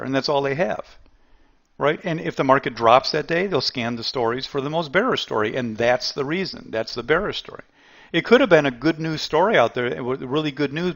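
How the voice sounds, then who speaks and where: A middle-aged man teaching trading in a live webinar, talking straight to his viewers and chat, animated and laughing at his own points. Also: a little high, dull audio. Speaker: trading educator.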